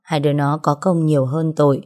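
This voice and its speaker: Woman reading as a calm old male servant. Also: deep voice, a little fast, lightly acted. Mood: placating. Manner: soothing, persuasive. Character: older male retainer, calm and placating.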